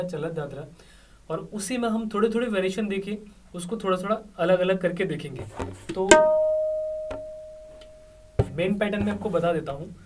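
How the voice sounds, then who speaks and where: High-voiced man teaching tabla. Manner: patient, explains step by step with "dekhiye, hai na?". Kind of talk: spoken music lesson with counting and drum syllables. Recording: tabla playing loud behind the voice, voice sometimes far from the mic.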